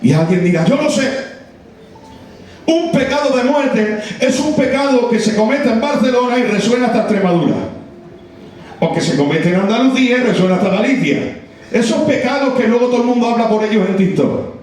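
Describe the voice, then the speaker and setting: A man preaching a sermon, impassioned and building to shouts with repeated phrases. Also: very high-pitched, lively intonation, brisk, a little hiss or hum. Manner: impassioned, rising to shouted, repetitive emphasis. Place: church hall. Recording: very echoey church hall, mic far off.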